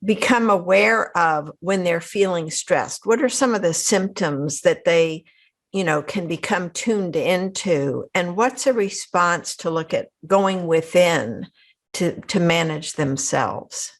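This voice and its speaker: A woman hosting a podcast interview, asking questions in a slow, measured way. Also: lowish voice. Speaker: podcast host.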